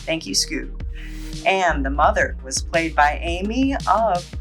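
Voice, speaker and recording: With music playing beneath an echoey, distant-mic recording, a comic book review show host delivers a casual review, playful and tongue-in-cheek, with asides. The voice is mid-range, expressive and a bit bright, and the pace is slow.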